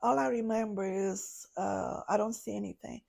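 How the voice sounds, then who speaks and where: A woman, a podcast guest, recounting a personal story in a halting way, searching for words. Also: mid-range voice, steady tone, creaky, a little mellow. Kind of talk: personal story told in an interview.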